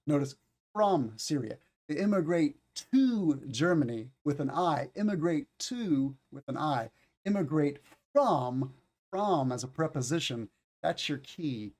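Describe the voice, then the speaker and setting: A man's voice: a little high, darkish tone. A tired American man with a Southern accent teaches an online English class, patiently explaining and repeating key words. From United States.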